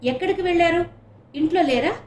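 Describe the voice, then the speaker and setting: A woman voicing a caring woman lecturer who asks brisk questions and soothes her students. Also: sits high, darkish tone, reverberant, distant mic, a little hiss or hum, pitched above the performer's own voice, close to an everyday voice. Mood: concerned.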